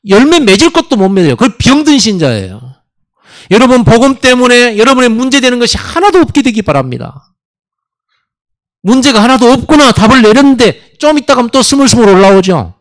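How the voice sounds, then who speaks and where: Lively high-pitched male preacher. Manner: emphatic preaching with sudden pitch swings; acts out quoted voices and asides. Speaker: pastor. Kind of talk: Sunday sermon. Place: church sanctuary.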